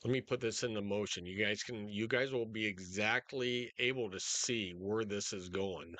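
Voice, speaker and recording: A man hosting live storm coverage in a casual, unscripted, halting way, speaking directly to his viewers. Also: lowish voice, fairly bright tone, no echo. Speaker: storm-coverage livestream host.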